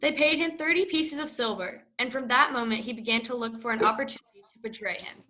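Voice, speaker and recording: A woman narrating a scripture reading in a steady, even read-aloud way. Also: on the high side, fast talker, slight background noise.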